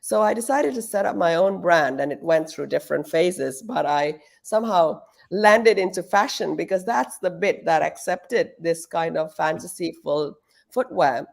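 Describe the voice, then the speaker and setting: A middle-aged woman from Pakistan speaks in a low register with a gravelly, creaky edge. She answers interview questions at home in a relaxed, thoughtful way, pausing with fillers and restarting her sentences. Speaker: guest, shoe brand founder.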